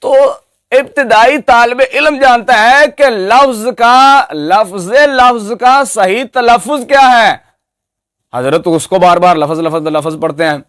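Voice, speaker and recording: A man's voice: very high voice, animated, takes it slowly, fairly bright tone, clear, resonant tone, no room sound, studio quality. A man giving an emphatic, mocking religious speech that picks apart another scholar's pronunciation. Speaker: Islamic preacher.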